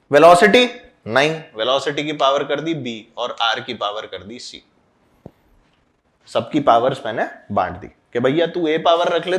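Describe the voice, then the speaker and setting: A man teaching a physics class, quizzing and scolding students as he mixes in English terms. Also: on the high side. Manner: loud, scolding and urging. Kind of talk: classroom lecture.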